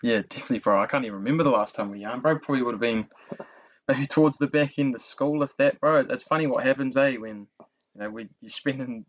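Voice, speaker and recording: A man's voice: medium pitch, fast, dull audio. A young man with a broad New Zealand accent chatting casually as a podcast host, matey and slangy, saying bro and man often. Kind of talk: casual interview chat.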